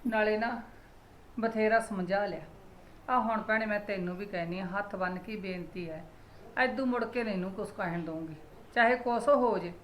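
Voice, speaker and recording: A woman's voice: mid-range voice, normal speed, echoey room, slight background noise, natural voice, low-quality recording. A woman with a Punjabi accent playing a worried, apologetic mother-in-law who laments her son's behaviour. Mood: lamenting.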